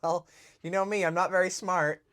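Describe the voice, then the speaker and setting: A man's voice: high-pitched, fairly even intonation, moderate pace, fairly bright tone. A man from Massachusetts co-hosting a casual comedy chat show, bantering in a bawdy, self-mocking way. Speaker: co-host.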